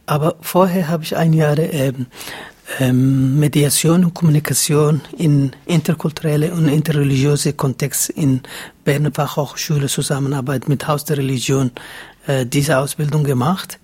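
Man, Somali accent, somewhat high voice, husky, hesitant with many fillers. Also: steady tone, a little mellow. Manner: halting non-native German, many fillers. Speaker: interview guest. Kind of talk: radio interview answers.

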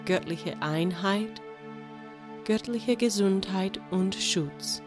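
Woman, American accent in German, slow guided-meditation delivery in solemn short phrases, clear music bed behind her. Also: medium pitch. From United States. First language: English. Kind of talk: guided meditation, consecutive translation.

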